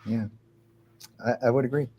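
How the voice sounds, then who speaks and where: An older man, a guest on a sports talk radio show, answering in a halting, thoughtful way with many pauses and fillers. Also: mid-range voice, fairly even intonation, breathy edge, muffled recording. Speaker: guest, television executive. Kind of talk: radio interview.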